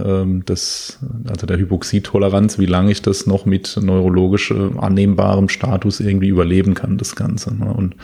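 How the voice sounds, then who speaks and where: A man talking through medical findings in a casual expert discussion, halting with many fillers and restarts. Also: sits low, mellow. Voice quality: husky, gravelly. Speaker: medical podcast co-host.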